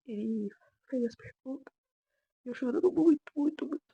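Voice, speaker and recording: Brazilian woman, young adult, earnest testimony; mellow, slightly raised voice. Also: high-pitched, normal speed, vocal fry, husky, dry recording, highs cut off. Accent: Brazilian Portuguese. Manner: emotional storytelling, voice rising and getting loud when moved. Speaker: churchgoer giving testimony. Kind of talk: personal faith testimony.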